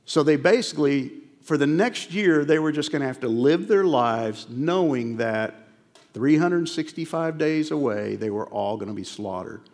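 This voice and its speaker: A man's voice: a little high, moderate pace, big-room sound. A man preaching a sermon, telling a personal story and acting out both sides of the conversation. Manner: animated storytelling, acts out dialogue. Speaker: pastor.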